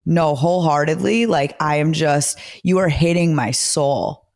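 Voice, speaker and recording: A woman's voice: low-pitched, measured pace, darkish tone. A woman co-hosting a podcast in casual, heartfelt chat, effusive and emphatic, often repeating her phrases. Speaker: podcast co-host.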